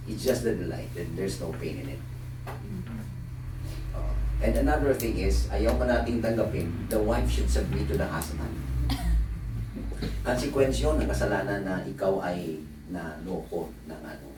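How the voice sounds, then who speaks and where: A male pastor delivering a humorous sermon, switching between Tagalog and English with animated storytelling asides. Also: on the low side, background noise. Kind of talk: sermon at a Bible conference. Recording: echoey hall, distant mic, faint ambience.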